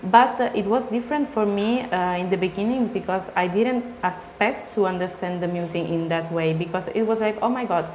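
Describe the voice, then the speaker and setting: Halting woman with echoey sound. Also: medium pitch, a little mellow. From Spain. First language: Spanish or Italian. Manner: halting, many fillers, searching for words. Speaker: DJ guest. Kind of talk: casual interview answers. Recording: echoey room, faint noise.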